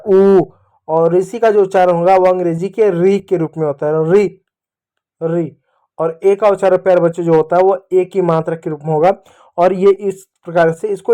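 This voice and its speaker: A man teaching young children to read, patiently repeating each sound slowly. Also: high-pitched, mellow. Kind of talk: children's reading lesson.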